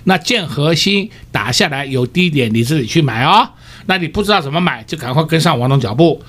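A man's voice: a little high, animated, fairly quick, a bit bright. A man giving informal market commentary as a TV show's analyst. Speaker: stock analyst, show guest.

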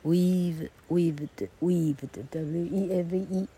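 A woman's voice: on the low side, steady tone, takes it slowly, dark tone, slight background noise. A woman teaching grammar in a casual, rambling way, spelling words out letter by letter. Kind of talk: casual spoken lesson.

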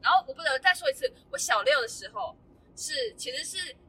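A young woman hosts a relaxed chat among friends, telling a story in a bright, quick voice that keeps stammering. She is close to tears at times. She sits a little back from the mic, with a faint hiss behind her. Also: very high-pitched, distant mic, poor audio. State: crying at times. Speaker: podcast host.

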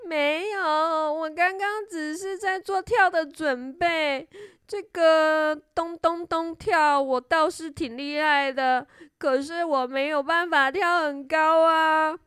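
A woman's voice: high-pitched, steady tone, takes it slowly, fairly bright tone, dry recording, clean studio sound. A woman voicing a sad, anxious young male kangaroo in a storybook, speaking in a whiny, tearful, pleading way.

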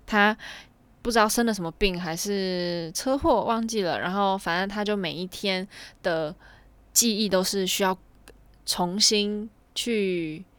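A woman's voice: mid-range voice, unhurried, a bit bright, clear, resonant tone, no echo. Young woman vlogger, loose rambling storytelling, dry close sound. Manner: rambling, chains clauses with "and then". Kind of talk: casual storytelling.

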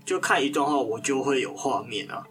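A man's voice: mid-range voice, expressive, a little fast, fairly bright tone, soft background music. A man co-hosting a podcast, easygoing and playful in casual chat. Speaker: podcast co-host.

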